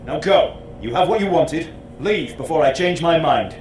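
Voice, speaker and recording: An actor playing a haughty, bitter imperial officer in a video game, formal and disdainful. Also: male voice, fairly high pitch, lively intonation, moderate pace, darkish tone, a little hiss or hum, natural voice. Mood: bitter, grudging. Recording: roomy echo, faint music.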